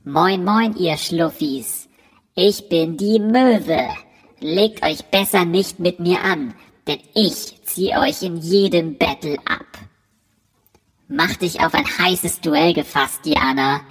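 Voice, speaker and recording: A woman voicing a cocky, boastful seagull in a disguised low voice, speaking slowly and huskily to taunt the players. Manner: slow, taunting, husky. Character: cocky boastful seagull in a masked-guess game. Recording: clip played in with long echoing reverb.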